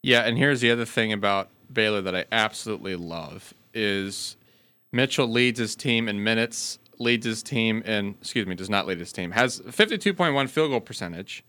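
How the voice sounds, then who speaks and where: Guy on a sports podcast going through numbers, keeps going "excuse me" and fixing himself, clear ringing voice. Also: lowish voice, moderate pace, sharp tone. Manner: rattles off stats and corrects himself mid-sentence. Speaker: podcast co-host. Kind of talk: casual sports talk.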